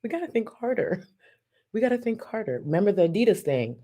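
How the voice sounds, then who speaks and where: Speaking quickly in a mellow, medium-pitched voice, a woman sounds very animated as she streams live. She reacts to a video and reads super chats, tossing out sassy, foul-mouthed mockery and laughing frequently in loose, casual commentary.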